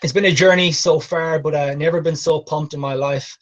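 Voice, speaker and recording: A man's voice: fairly high pitch, fairly even intonation, fairly quick. A man in his twenties with a west of Ireland accent, hosting a call and introducing things eagerly, repeating words for emphasis. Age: 20s. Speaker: call host. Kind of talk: enthusiastic presenter introduction. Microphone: online or phone call. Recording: dull lo-fi call audio.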